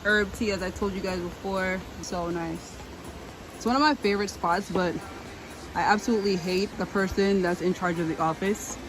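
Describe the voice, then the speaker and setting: A woman's voice: mid-range voice, fairly even intonation, normal speed, background noise. A woman hosting a casual vlog outdoors, chattily talking straight to her viewers. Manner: chatty, addresses viewers as guys. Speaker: vlog host. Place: outdoors by a river.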